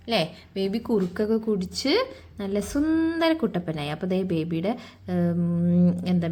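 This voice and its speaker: A woman hosting a casual pretend-play vlog talks directly to her viewers. She is chatty and keeps asking them rhetorical questions. Her tone is soft and coaxing. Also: medium pitch. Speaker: vlogger.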